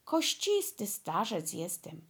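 A woman voicing a rude, greedy old male dwarf who scolds and shouts at two girls in a fairy tale. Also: mid-range voice, huge pitch swings, slow, husky, exaggerated voice. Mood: pleading. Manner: snappish, insulting, shouting.

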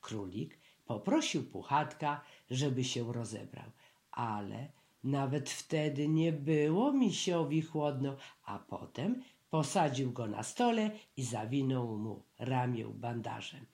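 Children's story reader, slow, expressive, lively pitch.

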